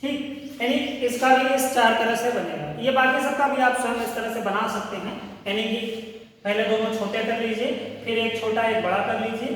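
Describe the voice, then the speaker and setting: A man's voice: extremely high pitch, fairly even intonation, normal speed, fairly bright tone. Echoey male teacher explaining at board. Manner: explains step by step, keeps checking in with "ठीक" and questions to pupils. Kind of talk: Hindi grammar lesson. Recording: echoey room from far off.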